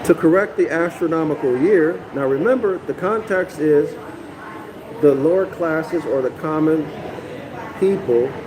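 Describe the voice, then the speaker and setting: Against a noisy background, a man from North America with a slightly high voice reads a passage aloud and unhurriedly lectures on it for a live online audience. He repeats phrases as he explains and keeps checking in with "okay?" and "y'all."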